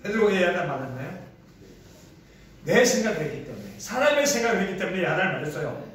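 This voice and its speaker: A man's voice: high voice, very animated, fast, a bit bright, a little hiss or hum. A man preaching a sermon to his congregation as pastor, asking them questions and acting out quoted lines. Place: large echoey hall used for a church service. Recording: very echoey room, voice from far off the mic.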